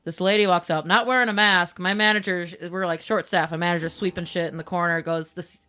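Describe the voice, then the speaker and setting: A man co-hosting a podcast, telling stories with animated acted-out quotes. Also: high voice, fairly quick, clean tone. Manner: animated storyteller, acts out quotes. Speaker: podcast co-host. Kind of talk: casual chat.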